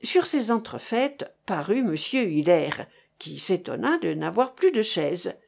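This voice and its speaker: A woman reads a novel aloud at an unhurried pace. Her delivery is expressive, with a lively, wide-ranging pitch. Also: vocal fry. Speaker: narrator. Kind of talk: audiobook reading of a novel.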